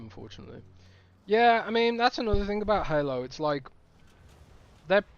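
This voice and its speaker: A man's voice: on the high side, lo-fi sound. A man streaming a game, chatting casually and thinking aloud with restarts. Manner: rambling, thinking aloud with fillers.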